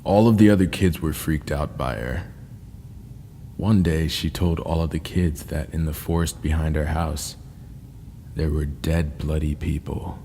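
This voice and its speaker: A man narrating scary first-person stories in a slow, ominous storytelling manner. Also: a bass voice, fairly even intonation, gravelly, dark tone. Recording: long reverb with faint ambient noise.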